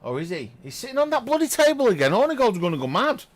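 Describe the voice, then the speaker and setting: An excitable man, doing chatty live commentary on a pool match and exclaiming loudly at big shots. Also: extremely high pitch, fast talker. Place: pool lounge.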